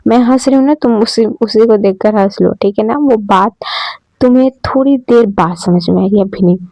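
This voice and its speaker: A woman's voice: medium pitch, normal speed, warm tone, no echo, close to an everyday voice. Give me a woman playing a teasing young woman, dry and close. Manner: teasing, laughing. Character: playful teasing young woman, elder sister.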